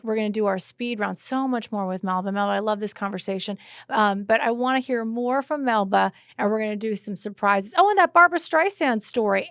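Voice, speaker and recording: A woman's voice: a little high, fairly bright tone, dry recording, studio quality. A woman hosting a podcast interview, effusive and exclamatory in casual chat with her guest. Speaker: podcast host.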